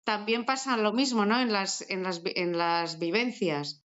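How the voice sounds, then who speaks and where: A woman's voice: mid-range voice, a little slow, a bit bright. A woman artist talking through her ideas in an interview, thoughtful, often restarting phrases and adding tag questions. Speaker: artist and project co-founder. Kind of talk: conversational interview answer. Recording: dull, muffled sound.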